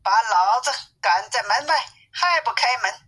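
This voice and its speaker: A cheeky, brash monkey king taunts and teases in a bright, husky voice, as a woman reads him in a storybook. His lines are pitched a little above her own narration and come out brisk and mocking. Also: animated, full character voice, low-quality recording. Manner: taunting, teasing.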